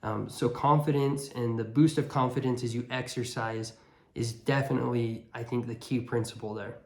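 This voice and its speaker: A man's voice: mid-range voice, fairly even intonation, moderate pace, darkish tone. A man giving a casual, earnest motivational monologue, speaking bluntly and repeating words for emphasis. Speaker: motivational vlogger. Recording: echoey room.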